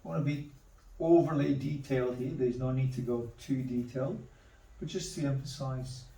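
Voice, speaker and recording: A man demonstrating charcoal drawing, talking slowly to himself as he works and repeating words under his breath. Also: medium pitch, steady tone, gravelly, dark tone. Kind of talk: thinking-aloud drawing demonstration. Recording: roomy, mic at a distance.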